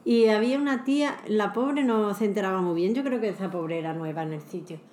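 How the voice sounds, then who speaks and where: A woman's voice: mid-range voice, brisk, echoey room. A middle-aged woman with an Andalusian accent, co-hosting a casual podcast chat and telling stories with lots of laughter. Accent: Andalusian Spanish. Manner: animated storyteller who laughs often. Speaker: podcast co-host.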